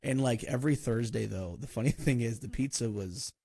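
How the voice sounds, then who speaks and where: A man's voice: medium pitch, brisk, gravelly, warm tone, slightly rough. A young man co-hosting a casual chat, telling rambling stories and laughing often. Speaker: podcast co-host.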